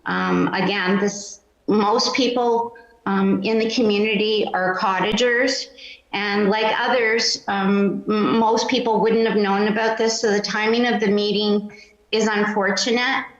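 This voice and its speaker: A woman speaks slowly and haltingly, her voice a little squeaky, filling pauses with ums. She is heard in a roomy council chamber on a dull, muffled recording. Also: fairly even intonation. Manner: hesitant, many ums, not a practiced speaker. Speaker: resident speaking at public meeting. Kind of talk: public comment at council meeting.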